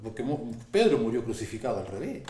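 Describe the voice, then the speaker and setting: A man, a pastor in an earnest Bible study conversation who slows down to stress scripture. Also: medium pitch, sing-song, warm tone. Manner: earnest, slows and stresses key phrases when quoting scripture. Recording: echoey room.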